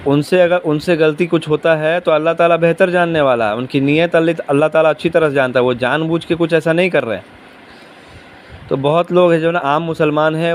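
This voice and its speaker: A man's voice: on the high side, slight background noise. A man teaching a Quran commentary lesson, explaining patiently, asking the listeners questions and repeating key words. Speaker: religious teacher.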